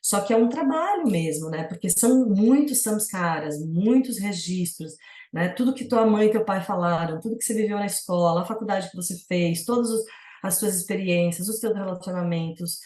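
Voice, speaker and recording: A woman's voice: medium pitch, normal speed, mellow, echoey room. Brazilian woman giving a reflective talk. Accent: Brazilian Portuguese. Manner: casual and reflective, many fillers like "né?". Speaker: yoga teacher. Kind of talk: teaching satsanga talk.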